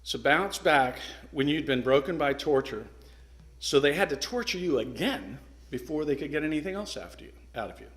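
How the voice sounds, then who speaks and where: A middle-aged man giving an earnest, emphatic speech to a club, pausing for effect and sometimes restarting his sentences. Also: fairly high pitch, animated, fairly bright tone. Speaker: guest speaker.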